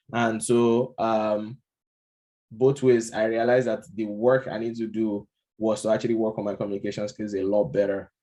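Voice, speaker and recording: A product management instructor with a Nigerian accent gives a casual, unscripted lecture in a low, darkish voice. His delivery is conversational, full of fillers and restarts, with the occasional chuckle.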